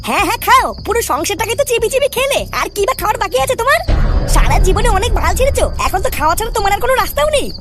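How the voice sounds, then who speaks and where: A woman's voice: extremely high pitch, very animated, racing, loud music behind the voice. A woman voicing cartoon characters, mostly an angry, nagging wife scolding her husband. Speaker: cartoon voice actor. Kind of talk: Bengali cartoon dub.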